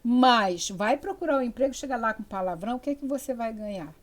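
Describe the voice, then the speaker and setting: An older woman with a Brazilian Amazonas accent gives a university lecture. Her voice sits somewhat high, and her delivery is conversational and digressive, with frequent fillers and restarted phrases. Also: animated, a little fast. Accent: Amazonas interior Brazilian Portuguese. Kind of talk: spoken lecture.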